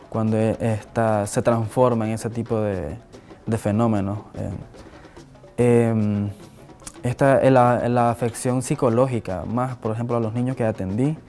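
Seated on camera in an indoor office with a flag and shelves, a man from Nicaragua, a visual artist, reflects on interview questions, often restarting and adding tag questions. His voice is mid-range with a dark tone, filmed by a fixed camera in a seated medium shot.

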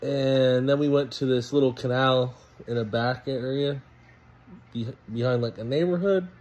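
A man's voice: mid-range voice, normal speed, a little mellow, rough recording. A man in his thirties, a fishing vlogger, talking in a loose, rambling way into a phone camera in a small storage room. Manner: laid-back, rambling recap with fillers. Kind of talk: casual vlog narration.

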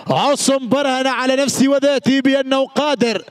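A man calls an amateur football match live in a very high voice. His commentary is flowery and poetic, full of nicknames for the players. He breaks into long, shouted goal calls. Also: fairly even intonation, fairly quick, no echo.

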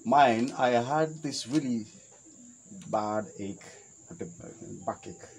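A man's voice: medium pitch, takes it slowly, a little hiss or hum, low-quality recording. A young man with a Kenyan accent, answering interview questions in a reflective, hesitant way, often restarting his sentences. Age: young adult. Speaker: interview guest. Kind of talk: relaxed outdoor conversation. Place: shaded veranda by a wetland, outdoors.

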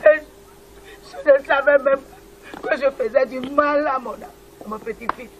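An older woman acting in a film drama as a devout, excitable village grandmother, fervent and exclamatory. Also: sits high, measured pace, crowd noise. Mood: overjoyed, tearful. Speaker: actor. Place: outdoor village yard. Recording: muffled, hissy old film soundtrack.

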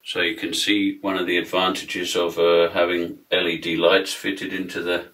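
Seated at a desk in a small room covered in acoustic foam, a man in his fifties gives a technical product demonstration. His very deep voice moves at a steady, measured pace, with plenty of ums in the pauses. A close camera records him, though the recording is rough.

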